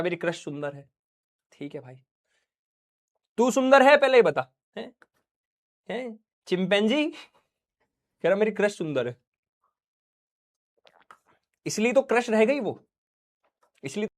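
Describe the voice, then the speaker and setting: A man's voice: sits high, expressive, moderate pace, long pauses. A male teacher giving a casual, joking lecture, chatty and full of asides and questions to the class. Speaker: online teacher.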